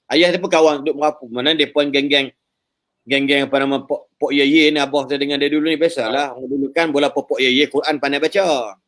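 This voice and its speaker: A man giving a lively religious talk over a live call, joking in English and chanting recitations. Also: medium pitch, fast. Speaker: preacher.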